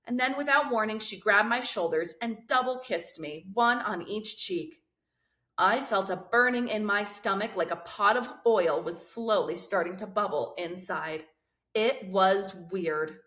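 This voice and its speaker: A woman reads a children's novel aloud expressively at a measured pace, her voice sitting at a middle pitch. The recording sounds clearly roomy and echoing.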